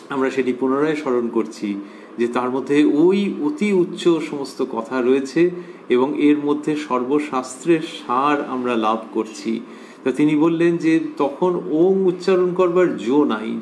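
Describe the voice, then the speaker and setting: A man's voice: a little high, darkish tone, a little hiss or hum. Reflective man giving a devotional talk. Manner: measured and reflective, repeating key phrases; pauses with drawn-out fillers. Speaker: scripture lecturer. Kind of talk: devotional discourse on scripture.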